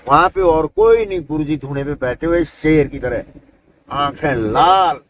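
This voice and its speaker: The voice belongs to an older man, a Himalayan yogi, who is fairly high-pitched, a bit bright and expressive, and talks a little slowly. He tells his life story in a rambling, down-home manner, punctuated by "isn't it," with noisy surroundings audible.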